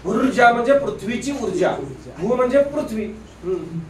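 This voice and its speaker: A man's voice: very high voice, animated, normal speed, distant mic, a crowd in the background. A man teaching a grammar lesson in a classroom, drilling students with repeated questions and teasing them now and then. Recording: echoey room, voice off-mic.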